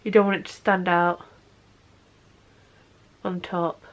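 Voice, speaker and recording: Slow and level, with a lowish voice, a sniffly twentysomething makeup vlogger talks through her tutorial from her bedroom while sitting on the bed. She keeps things casual and chatty, dropping "obviously" again and again.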